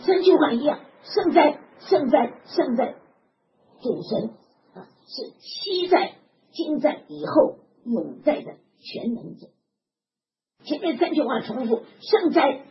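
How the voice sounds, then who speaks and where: An older woman preaching a sermon in an animated, emphatic way, often chuckling. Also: high-pitched. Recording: dull lo-fi recording with background noise.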